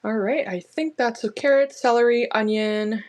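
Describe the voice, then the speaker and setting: A woman's voice: on the high side, moderate pace, darkish tone. Chatty woman cooking on stream. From Canada. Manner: chatty, rambling, self-correcting. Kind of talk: casual chat while cooking. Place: home kitchen. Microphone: camera on a tripod.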